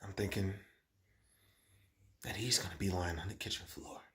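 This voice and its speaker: Voicing a guilt-ridden, troubled schoolboy in a dramatic monologue, a man speaks in a hushed, lowish voice with fairly even intonation. He is halting and deliberate, leaving heavy pauses between phrases, and his mood is confused and grieving.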